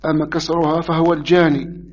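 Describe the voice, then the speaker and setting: A man giving a religious lesson, explaining a hadith in a measured, explanatory way and stressing key words. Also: a little high, level tone, a little mellow, highs cut off. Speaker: hadith teacher.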